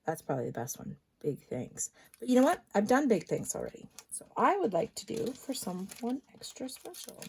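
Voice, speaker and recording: A woman's voice: on the high side, huge pitch swings, normal speed, slightly rough. A woman demonstrating a card-making technique in a chatty tutorial, thinking aloud as she works. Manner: chatty, thinks aloud, drops into soft asides. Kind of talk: crafting tutorial.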